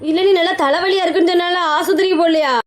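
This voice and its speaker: A woman doing a timid village husband in a comedy skit, always pleading and dodging blame. The voice stays very high, and the words come out quickly. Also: fairly even intonation. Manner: pleading and excuse-making.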